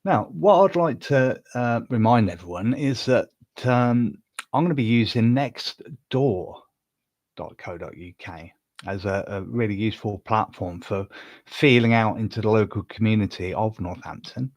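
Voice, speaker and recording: A man's voice: on the low side, animated, measured pace, no echo. A man from England, hosting a casual solo livestream from home and rambling with fillers and restarts. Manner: rambling, self-talking, with many fillers and restarts; coos softly at his cat. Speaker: livestream host. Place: home room.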